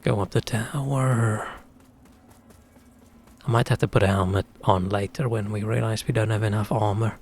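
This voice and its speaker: A man's voice: fairly low pitch, fairly even intonation, normal speed, pauses often, a little mellow, slight background noise. A man streaming a video game, chatting casually and thinking aloud as he plays. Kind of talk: casual gaming commentary.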